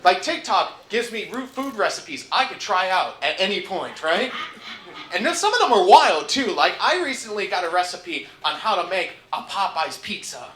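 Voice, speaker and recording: A young man from upstate New York doing a stand-up comedy set, trading wry deadpan asides for loud punchlines. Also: high-pitched, moderate pace, slight background noise. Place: comedy club at a resort. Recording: roomy club stage mic.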